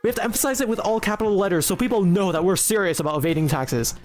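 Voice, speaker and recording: Streamer, mid-pitched voice, giggly and rambling, mock-serious jokes to chat, faint music underneath. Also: rapid-fire. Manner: giggly, rambling, often restarts mid-sentence. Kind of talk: casual live-stream commentary while making a game.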